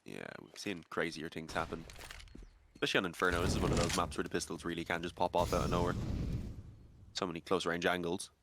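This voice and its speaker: A man giving quick, analytical live commentary on a game. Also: deep voice, background noise. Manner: quick, analytical, relaxed banter. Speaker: esports commentator. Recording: loud game gunfire behind voice.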